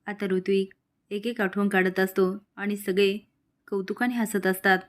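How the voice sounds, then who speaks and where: A woman narrating a recap of a TV serial in a steady, matter-of-fact storytelling way. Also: mid-range voice, measured pace.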